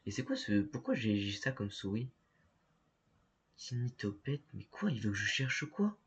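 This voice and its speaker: Slow, husky-voiced man streaming a game. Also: on the low side, big pitch swings, lo-fi sound. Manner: halting, stammering, reads on-screen English aloud. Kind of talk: live gameplay commentary.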